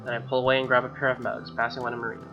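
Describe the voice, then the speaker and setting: A young let's player races through visual novel narration in a mid-range, level voice, chatting informally with gamer slang and side comments. Behind him is soft game music, and the recording sounds slightly dull.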